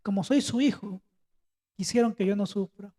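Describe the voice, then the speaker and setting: A man's voice: high voice, moderate pace, dark tone. Earnest young man saying "¿no?" a lot. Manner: earnest, tags phrases with "¿no?". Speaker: Bible study participant. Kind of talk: casual Bible study comment.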